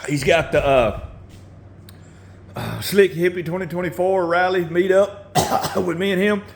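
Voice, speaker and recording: Throat-clearing man in a garage. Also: sits high, a little slow, a little hiss or hum. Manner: relaxed, rambling, keeps clearing his throat and coughing. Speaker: motorcycle builder and channel host. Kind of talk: casual how-to video chat.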